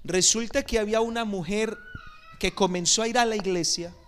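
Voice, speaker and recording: A man pastor preaching a sermon, telling lively stories and acting out the voices in them. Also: high voice, moderate pace, soft background music. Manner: animated, acts out voices in anecdotes. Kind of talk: sermon with storytelling. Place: church.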